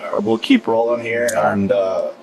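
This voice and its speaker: A man's voice: on the low side, fairly even intonation. A man hosting a casual podcast interview, prompting his guests and chiming in with short affirmations. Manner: friendly prompting, quick affirmations. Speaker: podcast host.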